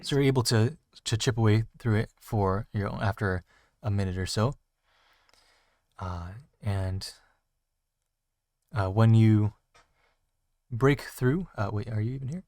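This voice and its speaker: Male game master, low voice, halting narration, dry sound. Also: a little mellow, no echo. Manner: hesitant, lots of fillers.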